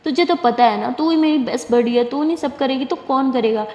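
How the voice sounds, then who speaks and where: A woman's voice: high voice, a little mellow, close to an everyday voice. Chatty young bride, voiced by a woman storyteller. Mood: gossipy. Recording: roomy with long reverb.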